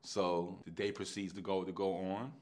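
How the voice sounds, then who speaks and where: A middle-aged man with a fairly low voice recounts his life as an actor. He acts out every exchange in street slang, dropping to a near whisper and then rising loud and fast. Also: little pitch movement. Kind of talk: animated anecdotal storytelling.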